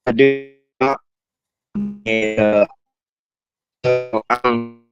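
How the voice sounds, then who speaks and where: A man chatting casually over a crackly call line that cuts in and out, talking haltingly with many restarts. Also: medium pitch, fairly even intonation, lo-fi sound, music in the background. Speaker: guest on a call-in livestream. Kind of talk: casual chat.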